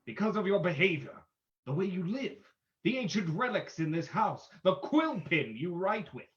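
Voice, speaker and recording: A man's voice: high voice, sing-song, normal speed. Man playing the Shadow, swooping, commanding radio sleuth. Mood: stern, menacing. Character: the Shadow, commanding unseen crime-fighting sleuth, adult man. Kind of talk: old-time radio drama reading. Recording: dull lo-fi audio.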